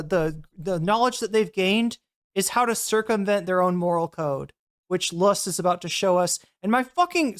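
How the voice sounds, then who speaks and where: Woman, streamer, casual reaction commentary, blunt, profane, heated, mid pitch, dry close sound. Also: no room sound.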